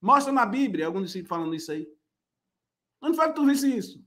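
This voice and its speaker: A man's voice: high voice, sing-song, quick pace, fairly bright tone. A man giving mocking, incredulous live reaction commentary, repeating phrases back.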